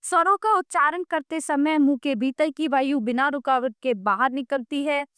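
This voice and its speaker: A woman with a high, bright voice teaches a grammar lesson to young children. She goes patiently, often stopping to check that they follow, and spells out sounds slowly one at a time. The recording is dry and close, with no room sound. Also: dry recording.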